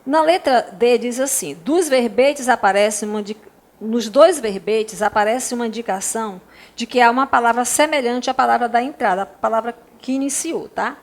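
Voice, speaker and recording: A woman's voice: a little high, moderate pace. A woman from Brazil teaching a recorded lesson to primary school pupils, patient and affectionate, often checking in with her class.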